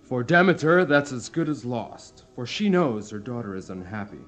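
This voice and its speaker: A man voicing a calm, watchful sun god who explains things plainly. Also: mid-range voice, normal speed, soft background music, pitched below the performer's own voice, natural voice. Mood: solemn.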